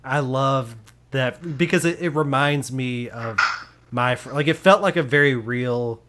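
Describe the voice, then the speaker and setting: A man's voice: medium pitch, measured pace, noisy background. A man hosting a casual movie review podcast. He talks with enthusiasm, laughs often and restarts his sentences. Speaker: podcast host. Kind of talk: casual film review chat.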